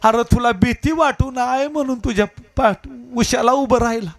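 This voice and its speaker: A man's voice: extremely high pitch, normal speed. A male preacher voicing a weary, devoted village husband who speaks earnestly in dialect. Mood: consoling.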